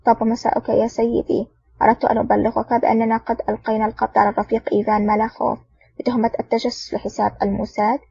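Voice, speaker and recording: Woman doing a jumpy soviet officer guy, quick, gravelly, lo-fi. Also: fairly high pitch, little pitch movement, mellow, no room sound. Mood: nervous. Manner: eager, flustered. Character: anxious ambitious male Soviet security officer. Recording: dull lo-fi audio.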